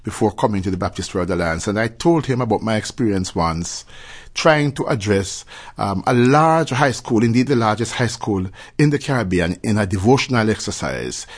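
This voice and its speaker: A Jamaican man talks in a low-leaning, husky voice. He explains things conversationally as an interview guest, choosing his phrases with deliberate care. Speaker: interview guest, church leader and former pastor.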